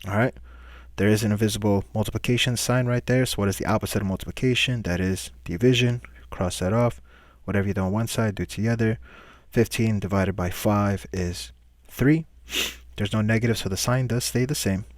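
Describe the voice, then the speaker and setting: A man's voice: on the low side, steady tone, fairly quick, no echo. A man teaching a recorded math lesson, patiently walking through each step and asking questions he then answers himself.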